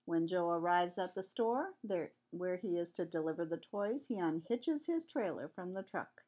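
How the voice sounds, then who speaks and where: Sweet old lady w/ a cold, kinda low voice, reading a kids book like grandma, chatty and homely. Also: animated, moderate pace, warm tone. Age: older. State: has a cold with cough. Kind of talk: read-aloud children's picture book.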